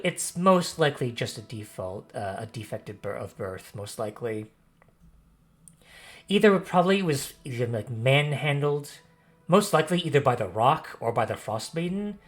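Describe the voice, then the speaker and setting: A man running a tabletop fantasy game as game master, improvising narration and often repeating and rephrasing as he describes. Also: fairly high pitch. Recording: music playing behind the voice. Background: background music.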